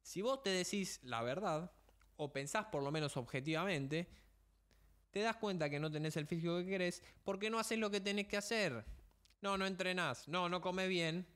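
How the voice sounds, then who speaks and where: A man's voice: high-pitched, normal speed, fairly bright tone. A young man with a Rioplatense Spanish accent, hosting a motivational podcast in a blunt coaching tone full of slang and rhetorical questions. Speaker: podcast host.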